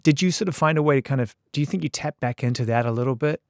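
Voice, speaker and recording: Fast-talking enthusiastic male interviewer. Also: mid-range voice, dry recording, clean studio sound. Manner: fast, enthusiastic, emphatic and repetitive. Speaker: interviewer, host. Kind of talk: casual conversational interview.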